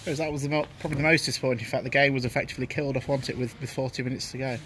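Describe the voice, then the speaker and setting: A man interviewing a football manager for club TV, putting quick leading questions. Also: mid-range voice, fairly even intonation, a bit bright. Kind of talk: post-match interview questions. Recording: outdoor noise behind.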